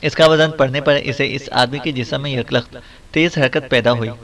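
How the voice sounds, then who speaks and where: A man narrating a spy thriller audiobook at a middle pitch. He keeps a steady, dramatic storytelling pace. The reading sounds unhurried and even.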